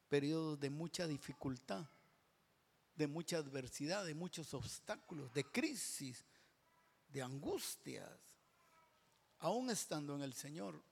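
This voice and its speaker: Preacher, man, slow and deliberate, reverberant church hall. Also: on the high side, animated, gravelly, husky. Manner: builds to loud shouted climaxes, then drops to whispers. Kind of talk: sermon. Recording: long reverb of a large hall.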